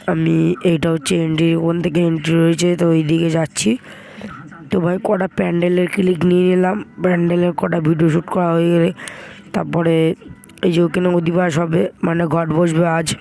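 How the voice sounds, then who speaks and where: Hoarse young man vlogging casually. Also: a little high, flat delivery, normal speed, dark tone, faint music behind, poor audio. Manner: chatty, addresses viewers as brother. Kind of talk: casual vlog narration.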